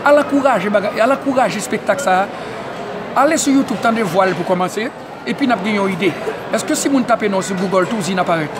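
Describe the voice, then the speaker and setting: A man who interviews at an event, excitable and tagging nearly every phrase with "hein?". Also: high-pitched, fast. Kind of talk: casual community media interview. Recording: noisy crowded public event. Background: crowd chatter.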